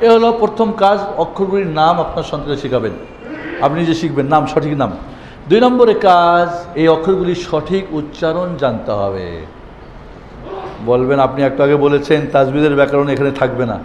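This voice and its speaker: A man teaching a Quran lesson, chanting the Arabic letter names loudly for his listeners to repeat. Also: fairly high pitch, lively intonation, moderate pace, dull audio, slight background noise. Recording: echoey hall with faint ambience.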